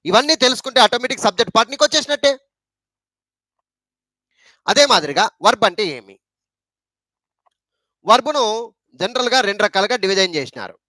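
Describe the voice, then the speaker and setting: A man's voice: high voice, pushed and bright, no echo. A man with a Telugu accent teaching an English grammar lesson, repeating points and asking rhetorical questions.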